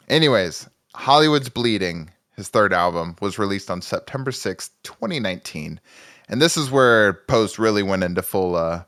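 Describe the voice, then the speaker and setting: A man's voice: deep voice, a bit bright, no room sound, studio quality. A man co-hosting a music podcast in casual chat, joking and self-mocking, rambling with restarts. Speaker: podcast co-host.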